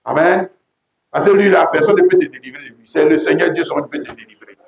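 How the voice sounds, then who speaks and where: A man preaching a sermon as pastor, emphatic and repetitive, often breaking into shouts. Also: fairly high pitch, fast, creaky. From Côte d'Ivoire. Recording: echoey room.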